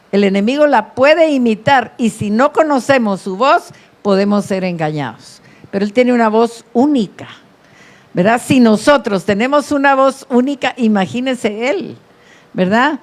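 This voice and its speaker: A woman pastor from Guatemala delivering a slow, deliberate sermon and prayer, calling on the congregation for amens. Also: fairly high pitch. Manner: slow, deliberate preaching with calls for amen.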